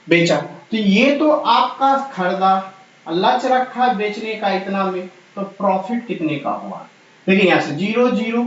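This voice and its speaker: A male math teacher, talking through exam problems step by step and repeating the numbers aloud in an encouraging way. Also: high-pitched. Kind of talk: exam-prep math lesson. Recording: very echoey, dull lo-fi room sound.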